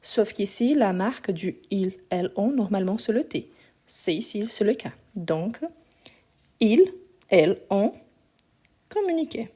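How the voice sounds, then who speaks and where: A woman's voice: mid-range voice, animated, unhurried, dark tone, breathy edge. A woman teaching a live online grammar lesson, patiently explaining step by step and spelling out endings letter by letter, her voice a bit weak, recorded on a phone. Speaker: French teacher.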